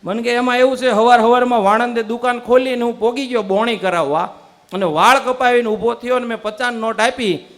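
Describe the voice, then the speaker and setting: A man's voice: extremely high pitch, a little fast, a bit bright. A man telling comic stories on stage, acting out the people in them through quoted dialogue. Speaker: comedian. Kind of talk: stand-up comedy storytelling.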